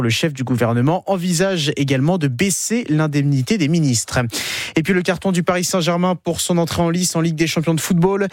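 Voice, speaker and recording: A man reads the news headlines in a crisp, dry studio voice that sits a little high for a man. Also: dry recording. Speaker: newsreader. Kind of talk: radio news bulletin.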